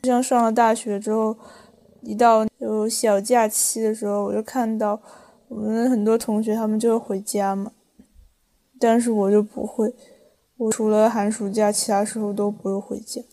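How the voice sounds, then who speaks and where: A young woman co-hosting a podcast, answering in a measured, agreeable way during a casual chat. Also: medium pitch, little pitch movement, dark tone. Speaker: podcast co-host.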